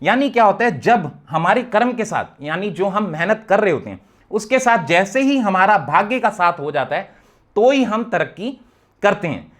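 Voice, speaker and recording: A man with a notably high voice gives an earnest explanatory talk as an astrologer. He speaks to his viewers as friends and keeps mixing English terms into his points. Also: lively intonation, moderate pace, fairly bright tone.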